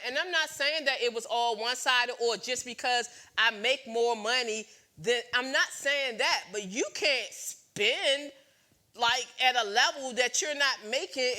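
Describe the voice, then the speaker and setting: Bright-voiced woman in her late forties. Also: a little high. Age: 40s. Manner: candid, opinionated, many fillers. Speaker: talk show host. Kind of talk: casual talk show chat.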